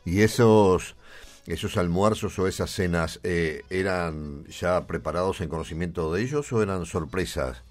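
A man's voice: sits low, a little slow, faint music behind. A man hosting a radio interview, chatty and playful in his questions. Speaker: radio host.

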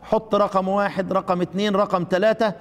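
A man with an Egyptian accent teaching Quran recitation, who asks the class questions and answers them himself, and draws out recited words slowly. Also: high-pitched, level tone, long reverb tail. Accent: Egyptian Arabic. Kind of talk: classroom lesson explaining a text.

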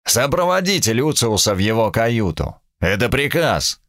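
A man voicing a stubborn, quick-tempered space admiral who barks orders. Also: medium pitch, very animated, a bit bright, no echo, clean studio sound. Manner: barking, commanding.

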